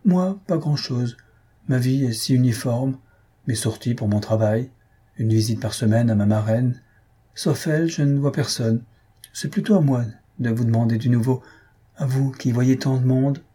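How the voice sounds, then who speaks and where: A husky-voiced man reading aloud, voicing a polite, grateful young woman in a storybook. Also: mid-range voice, normal speed, mellow, close to an everyday voice. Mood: gentle.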